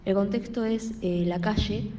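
A woman's voice: medium pitch, steady tone, normal speed, noisy background. Argentine woman, voice-message caller, dull distant sound. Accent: Rioplatense Argentine. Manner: chatty, descriptive.

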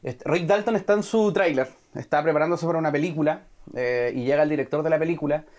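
A man's voice: fairly high pitch, fast talker, darkish tone. A young man with a Chilean accent, casually and animatedly retelling a film scene among friends, full of slang and profanity. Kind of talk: casual chat.

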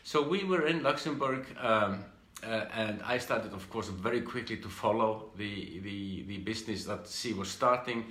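An Icelandic man gives a business training talk as an informal live session, sharing personal recollections. His voice is bright yet lowish, and the sound is roomy. He speaks haltingly, repeating words and restarting.

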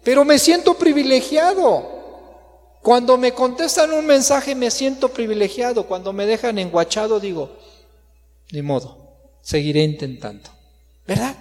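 A man's voice: very high-pitched, normal speed, a little mellow, big-room sound. A Mexican man preaching a Sunday sermon, joking and asking the congregation questions. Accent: Mexican Spanish. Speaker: pastor. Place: church.

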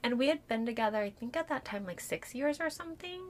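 A woman in her thirties telling a story in casual chat, animated, swearing freely and often breaking into laughter. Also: on the high side, fast talker, slight background noise. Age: 30s. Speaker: friend recounting her engagement.

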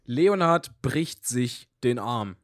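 A young man co-hosting a podcast, telling anecdotes in a lively, slangy way. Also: mid-range voice, takes it slowly, no room sound, studio quality. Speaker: podcast co-host. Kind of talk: casual chat.

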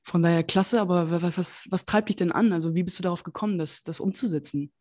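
A woman's voice: on the low side, fast, no echo, studio quality. A woman hosting a podcast interview, enthusiastic and chatty with many hesitations. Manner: warm, enthusiastic, many fillers. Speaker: podcast host.

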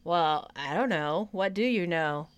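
A woman's voice: lowish voice, animated, unhurried, clean tone, no room sound. A woman hosting a podcast in casual chat, giving dry, wry short replies. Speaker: podcast host.

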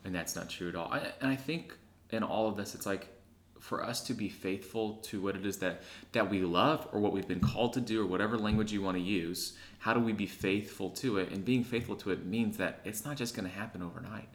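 Earnest low-voiced man chatting. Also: a little fast. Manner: earnest, reflective, often checks in with "right?". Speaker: podcast co-host. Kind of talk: casual podcast chat.

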